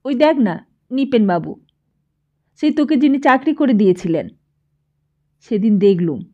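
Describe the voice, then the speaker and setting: A woman voicing a sharp-tongued, scolding mother in a storybook reading, exclaiming and quick to anger. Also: a little high, big pitch swings. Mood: indignant scolding. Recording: dull lo-fi recording.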